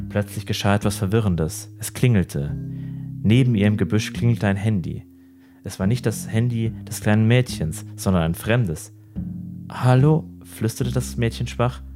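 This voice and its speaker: Low-voiced man narrating dark crime tale. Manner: measured, grave narration. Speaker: podcast host. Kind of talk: dramatic true-crime storytelling. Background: guitar music.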